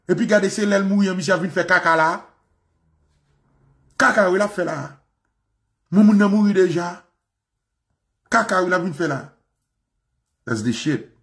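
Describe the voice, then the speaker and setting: Man, Haitian accent, animated sermon, repetitive, fairly high-pitched. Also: moderate pace, pauses often. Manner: animated, repetitive, often slips into mock voices. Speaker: preacher.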